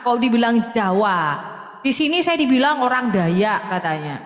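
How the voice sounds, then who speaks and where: A woman's voice: fairly high pitch, big pitch swings, moderate pace, echoey room, big-room sound. A woman from Madura, chatting casually on a live stream, laughing often and answering viewers by name. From Madura, Indonesia. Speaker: live-stream host giving testimony.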